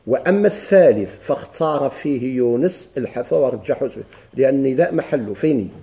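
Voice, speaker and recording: A man's voice: medium pitch, lively intonation, dark tone. Moroccan man teaching a grammar class. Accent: Moroccan Arabic. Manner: questions the class and answers himself, reads lines slowly. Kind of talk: classroom lesson explaining a text.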